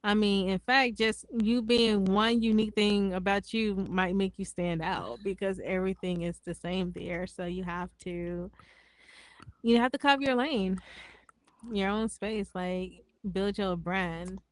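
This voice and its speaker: A woman's voice: medium pitch, a little slow, no room sound. A woman with a Memphis Southern accent who says her R's like W's, explaining things in slangy casual chat. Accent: Memphis Southern American. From Memphis, United States. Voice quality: struggles to pronounce R's, says w for r.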